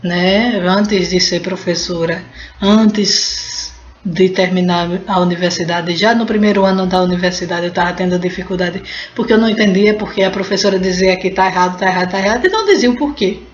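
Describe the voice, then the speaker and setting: A woman's voice: fairly low pitch, brisk. Chatty woman teacher in an echoey room. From Brazil. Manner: chatty, stops to explain, restarts words. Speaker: Portuguese teacher. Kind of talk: casual video lesson. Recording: roomy, dull and slightly noisy.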